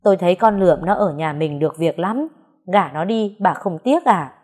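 A woman's voice: fairly low pitch, lively intonation, moderate pace, a little mellow. A woman voicing a sly, lecherous middle-aged man. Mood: wheedling. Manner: wheedling and excuse-making.

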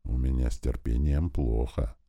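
A man's voice: sits low, normal speed, warm tone, lightly acted. A man voicing a ruthless warrior prince who speaks in a hard, cold, menacing way. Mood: cold menace.

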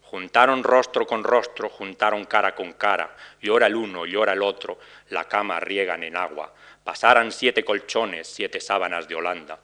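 A middle-aged man giving an academic lecture, reading out quoted ballad verses in a slower, measured cadence. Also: on the low side, pushed and bright. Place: lecture hall.

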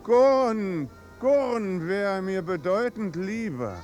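An actor playing a languid, deadpan aristocratic duke in a 1950s radio drama. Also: male voice, high-pitched, extremely slow, soft background music, exaggerated voice. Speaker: duke at a party.

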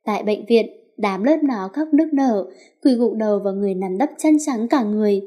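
A woman narrating a story in an expressive reading voice. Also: mid-range voice, brisk.

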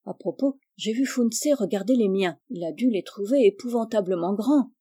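A woman voicing an eager, affectionate little orphan girl in a storybook reading, speaking high and emphatic. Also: normal speed, mellow, breathy edge, close to an everyday voice. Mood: delighted.

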